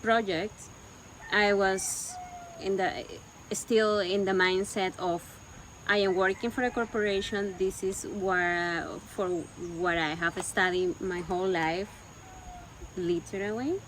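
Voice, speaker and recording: In a casual conversation at home, a woman from Peru, a native Spanish speaker, speaks slowly, hunting for words and repeating herself. Her mid-range voice is fairly bright with fairly even intonation, the audio is poor, and faint noise sits in the background.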